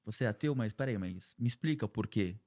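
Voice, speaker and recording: A Brazilian man hosting a podcast who chats in a relaxed way and shares his own stories. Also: fairly low pitch. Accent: Brazilian Portuguese. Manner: relaxed, conversational, chimes in with quick agreement. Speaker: podcast host. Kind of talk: casual interview chat.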